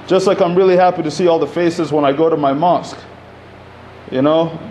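A man's voice: fairly high pitch, steady tone, brisk, mellow, slight background noise. Man speaking off the cuff at a podium. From Egypt. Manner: conversational, many fillers and restarts. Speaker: panel speaker. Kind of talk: public talk at a podium. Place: community center hall, indoors. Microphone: podium microphone.

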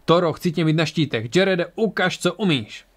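Brief: man playing a commanding captain, higher and louder than the narration, amateur audiobook. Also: expressive. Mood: urgent. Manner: brisk, commanding. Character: urgent male starship captain.

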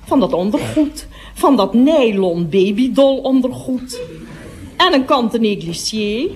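A woman's voice: on the high side, very animated, unhurried. An actress playing a gossipy middle-aged woman toilet attendant in a radio comedy monologue, chattering on and breaking off to speak to customers.

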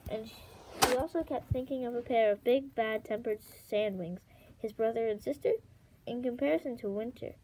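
A woman reading a children's fantasy novel aloud as an amateur audiobook, in a steady storytelling manner. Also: fairly high pitch, normal speed, low-quality recording. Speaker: audiobook reader.

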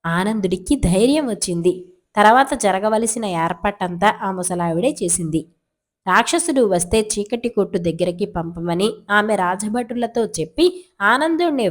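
A woman narrating folk tales from a children's story magazine in a steady, scripted reading. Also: mid-range voice.

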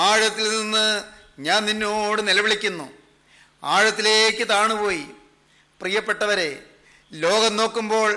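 A man's voice: high-pitched, bright, forceful tone. A man preaching a sermon, speaking earnestly in repeated prayer-like refrains.

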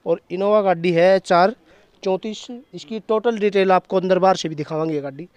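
Outdoors on a used car lot, the host of a used car channel leads a casual walkaround sales video, chatting into a handheld mic, hyping prices and putting questions to the dealer. His voice is high and steady, fairly quick, smooth and a little dark, with no room sound.

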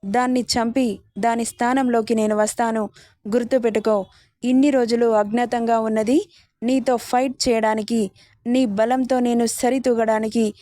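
Lady reading as a jealous obsessed girl in a storybook, shouty and desperate, mellow tone. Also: a little high, steady tone, normal speed, dry recording, clean studio sound, lightly acted. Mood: obsessive. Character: obsessed jealous young woman, scheming rival.

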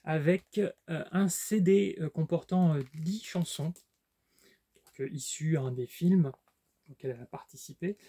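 A man's voice: fairly high pitch, unhurried, warm tone, slightly rough. A man casually showing his book collection in a vlog, talking with lots of fillers and restarts. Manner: hesitant, many fillers and restarts. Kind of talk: casual unboxing vlog chat.

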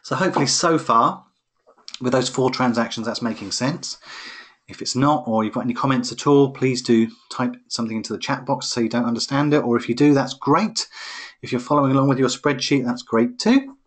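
A man's voice: mid-range voice, brisk. A man tutoring accounting in a live online lesson, explaining each step patiently over a computer microphone. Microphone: computer microphone on a webinar.

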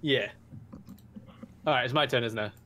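A man chatting at a gaming session, telling a crude story with amusement. His voice is mid-pitched, with a faint background hiss. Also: moderate pace. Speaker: tabletop player. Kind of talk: casual chat during a game break.

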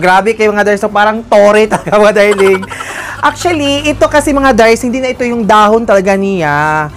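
A woman's voice: medium pitch, slight background noise. A woman chatting casually to her viewers as a plant vlogger, giggling often as she talks. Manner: chatty, warm address to viewers, frequent giggles. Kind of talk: casual chat. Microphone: clip or handheld mic in later part.

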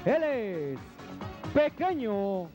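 A man introduces wrestlers in dramatic announcer style. His delivery is slow and high, with music clearly behind it. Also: sing-song. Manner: drawn-out dramatic phrases. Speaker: ring announcer.

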